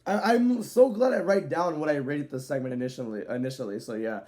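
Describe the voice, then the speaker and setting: A man giving a casual, rambling video review, filling pauses with "so, yeah" and now and then speeding up. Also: fairly high pitch, warm tone. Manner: rambling, loose delivery with frequent "so, yeah" fillers; at times speeds up. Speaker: wrestling show reviewer.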